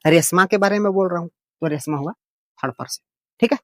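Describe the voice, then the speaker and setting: A man's voice: high-pitched, fairly quick, a bit bright, dry recording. A man teaching English to beginners, patient and homely, repeating each point and reassuring his learners. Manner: plain homely way of explaining. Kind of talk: beginner lesson explained in Hindi.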